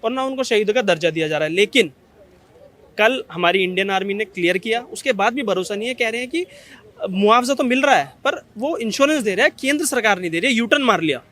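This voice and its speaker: A male interviewer who asks long run-on political questions, listing one event after another. His voice is high and bright. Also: lively intonation, fast talker.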